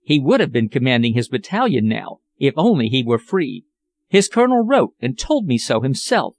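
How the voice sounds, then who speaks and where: A man's voice: mid-range voice, very animated, moderate pace, a little mellow, no room sound. A man voicing an anxious, refined English lady in an audiobook, speaking in an earnest, genteel, sorrowful way. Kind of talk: audiobook character voice.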